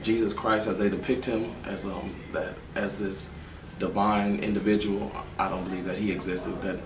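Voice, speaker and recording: A man in his twenties gives long, earnest interview answers, explaining at length in a fairly low, level voice at a moderate pace. He sounds distant, with a roomy echo and faint noise.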